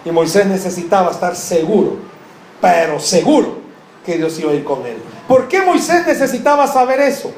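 A male pastor preaching a sermon, questioning the congregation directly with joking asides and slowing to stress key words. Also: sits high, very animated, a little mellow. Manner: slows and stresses words for emphasis. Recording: echoey room, faint background noise.

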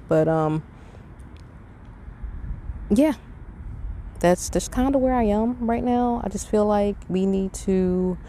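With a warm, mid-range voice and slight background noise, this middle-aged podcast host reflects casually in a monologue. She sounds earnest, conversational, and emphatic.

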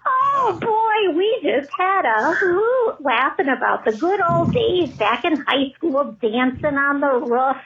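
A woman playing an older minnesota lady on a landline phone voicemail, high lively voice, dull lo-fi line. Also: slow pace, hardly any pauses, heavily acted. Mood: chatty. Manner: rambling, folksy, gushing. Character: chatty older small-town Midwestern woman, folksy and gushing. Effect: voicemail heard over a landline phone. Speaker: caller.

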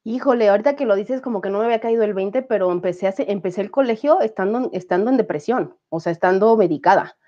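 A woman's voice: medium pitch, fast talker, hardly any pauses, muffled recording. A woman in her thirties with a Mexican accent, a guest telling a personal story in casual conversation and acting out the things people said. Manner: animated, acts out quoted dialogue.

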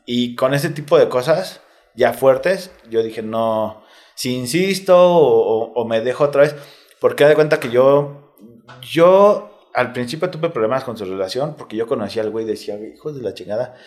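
A man with a Mexico City Spanish accent, a retired footballer appearing as a guest in a casual interview, tells a personal story step by step, candidly and full of slang. His voice is medium in pitch and darkish in tone, with lively intonation and a moderate pace.

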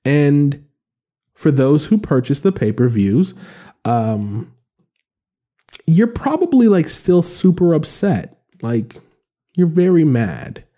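A man's voice: a little high, big pitch swings, takes it slowly, pauses often, warm tone. A man in his thirties hosting a solo podcast, rambling and joking in casual chat with lots of fillers. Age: 30s. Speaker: podcast host.

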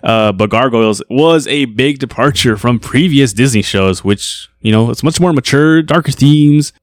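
A man's voice: medium pitch, moderate pace, no room sound, clean studio sound. A man co-hosting a podcast in a casual, rambling chat, swearing freely. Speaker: podcast co-host.

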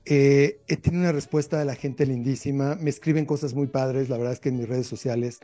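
A man's voice: medium pitch, fairly even intonation, brisk, dark tone. A man with a Mexican accent, a guest author telling stories in an earnest, reflective way during an interview. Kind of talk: interview conversation.

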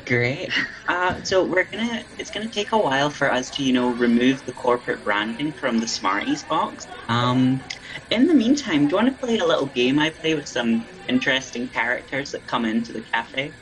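A podcast host running an improvised comedy interview in the guise of a café server. The delivery is deadpan and teasing. The pitch sits mid-range. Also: moderate pace, soft background music, poor audio.

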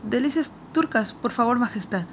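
A woman's voice: fairly high pitch, lively intonation, moderate pace, a little hiss or hum, close to an everyday voice. A woman reading as a timid, polite young boy. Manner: hesitant, deferential. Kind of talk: audiobook character reading.

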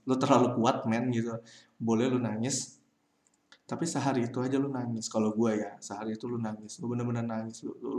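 A young man talking through a casual solo podcast, giving rambling, slangy advice full of fillers. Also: mid-range voice. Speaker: podcast host. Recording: roomy echo.

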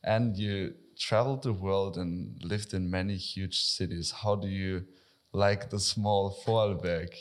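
A man's voice: low voice, fairly even intonation, a little slow. A man hosting a podcast interview, reading a friendly intro and then asking casual questions. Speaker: podcast host.

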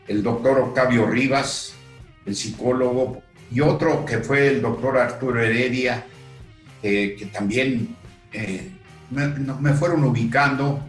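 An older man with a Mexican accent, a guest telling his story earnestly, pausing often. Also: mid-range voice. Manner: slow, earnest, with pauses and fillers. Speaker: guest, retired referee. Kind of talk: reflective storytelling in conversation. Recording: roomy echo with faint music.

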